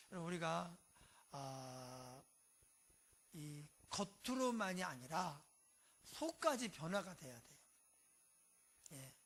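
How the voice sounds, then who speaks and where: A pastor preaching a sermon in a conversational way, often dropping in short affirmations and shifting between loud and quiet. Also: medium pitch.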